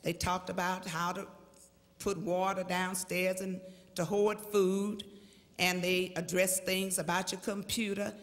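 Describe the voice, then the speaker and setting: A woman evangelist preaching a sermon in a church, slow and emphatic, rising to fervent exclamations. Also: lowish voice, level tone. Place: large church sanctuary. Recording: long church hall reverb.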